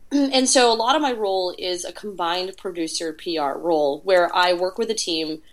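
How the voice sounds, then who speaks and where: A woman with a fairly low voice speaks at a normal pace as a podcast guest. She produces PR for indie games and tells stories in a chatty, casual interview style full of filler words.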